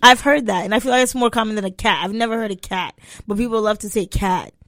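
A woman's voice: mid-range voice, fast talker, fairly bright tone, dry recording, studio quality. A woman co-hosting a casual chat, reacting with wry, teasing comments.

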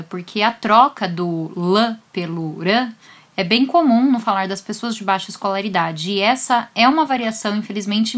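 A woman with a Brazilian accent, a linguist explaining a lesson directly to her listeners. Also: a little high.

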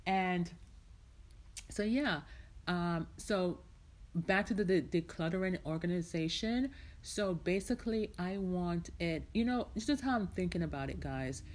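Woman host from Jamaica, middle-aged, casual rambling podcast chat, slightly low voice. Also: a little slow. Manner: chatty, rambling, heartfelt, many "you know"s.

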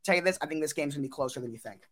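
A man co-hosting a casual sports podcast, eager and quick to quote stats and make bold takes. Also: fairly high pitch. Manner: eager, stat-quoting, builds up bold takes. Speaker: podcast co-host.

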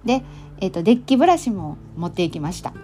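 Chatty Kansai woman with a mellow voice. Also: medium pitch, fast, faint music behind. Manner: chatty, many fillers, relaxed Kansai phrasing. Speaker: storytelling volunteer and podcast host. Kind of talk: casual monologue recap.

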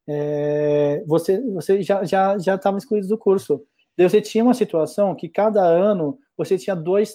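A middle-aged Brazilian mathematics professor with a high-sitting, warm voice speaks reflectively in a casual conversation, frequently restarting his sentences.

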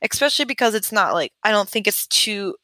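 A woman's voice: mid-range voice, animated, fairly quick, bright, forceful tone, no room sound. A woman hosting an interview, asking eager, rambling questions in a casual chat.

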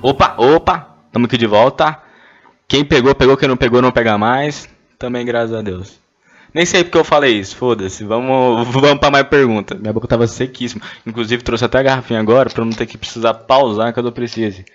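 A man's voice: medium pitch, brisk, muffled recording. A young man, reading questions aloud and joking, stammering and swearing as he goes. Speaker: streamer reading anonymous questions. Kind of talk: casual chat.

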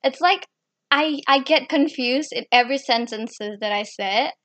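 A teenage girl with a high, slightly bright voice talks unhurriedly in a dry recording. She is a native Indonesian speaker hosting a podcast, and her casual chat is full of stutters and restarts.

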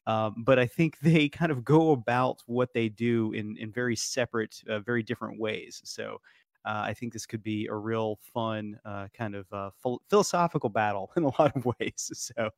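A man's voice: fairly low pitch, moderate pace, dry recording. Rambling man with a dry sound. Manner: rambling, many fillers and restarts, laughs often. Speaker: podcast guest. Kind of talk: casual debate chat.

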